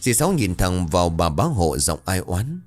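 Guy narrating a spooky tale, deep and super expressive, soft music behind. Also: normal speed. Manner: dramatic, mournful storytelling. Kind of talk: ghost story narration. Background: faint music.

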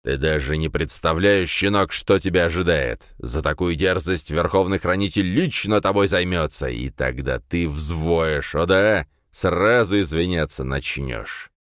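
A man voicing a rude, bullying middle-aged security chief who shouts and threatens in an audiobook. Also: deep voice, measured pace, few pauses, no echo, studio quality. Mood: furious. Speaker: audiobook character.

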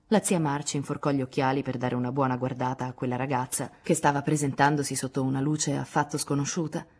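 A woman narrates a classic novel for an audiobook with a measured, expressive delivery. Her voice is low-pitched and carries a husky, breathy quality. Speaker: audiobook reader. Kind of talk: scripted literary narration.

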